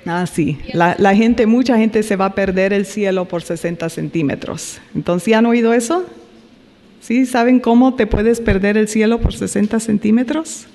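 High-voiced man teaching a Bible class. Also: a little mellow, long reverb tail. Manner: asks the group questions, pauses and self-corrects. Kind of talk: informal Bible teaching to a group.

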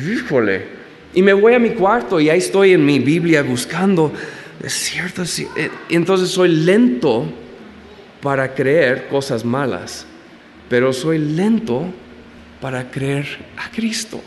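Slow-preaching man in an echoey hall. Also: on the high side, expressive, a little hiss or hum. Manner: conversational, acts out quoted voices, self-deprecating asides. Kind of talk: sermon. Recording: reverberant hall with faint ambience.

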